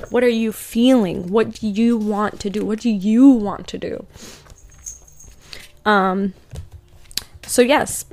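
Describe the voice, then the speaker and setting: Doing card readings on her podcast, a young host drifts through a laid-back spiritual conversation full of fillers and frequent laughter, easing her pace whenever she reads an affirmation aloud. She speaks at a medium pitch with no room sound.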